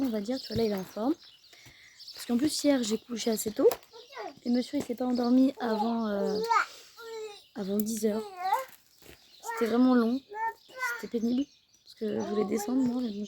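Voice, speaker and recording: A woman's voice: fairly high pitch, noisy background. A young woman rambling through a casual family vlog, with lots of fillers and self-corrections. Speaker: mother vlogging her family day. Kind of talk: casual chat to the camera.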